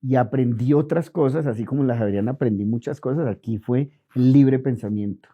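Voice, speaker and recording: A middle-aged Colombian man being interviewed, telling lively stories and acting out quoted dialogue. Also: mid-range voice, brisk, slightly rough. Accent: Colombian Spanish. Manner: animated anecdotes, acts out quoted dialogue. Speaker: interviewed physician. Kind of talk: relaxed storytelling interview. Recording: dull lo-fi audio.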